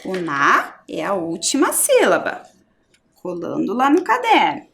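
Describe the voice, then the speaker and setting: Lively, patient Brazilian teacher woman. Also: medium pitch. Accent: Brazilian Portuguese. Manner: slow, clear syllable-by-syllable explanation. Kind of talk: primary school lesson.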